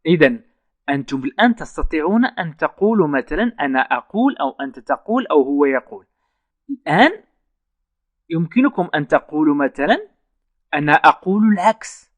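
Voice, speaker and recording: Man slowly teaching French verbs. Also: a little high, big pitch swings, no echo. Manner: slow, repeats French phrases word by word. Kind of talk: online language lesson.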